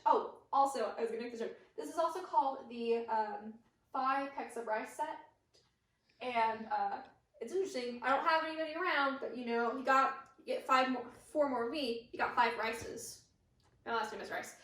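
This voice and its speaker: A young woman with a Midwestern accent giving a casual class presentation, chatty and hesitant, with many fillers and self-deprecating asides. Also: a little high. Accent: Midwestern American. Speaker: student presenter. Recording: echoey room, mic far off.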